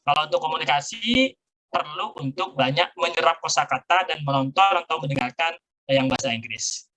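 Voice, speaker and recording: Bright-voiced male lecturer explaining. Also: on the high side, brisk, poor audio. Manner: explanatory, mixes Indonesian with English. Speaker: university lecturer. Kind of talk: online grammar lecture.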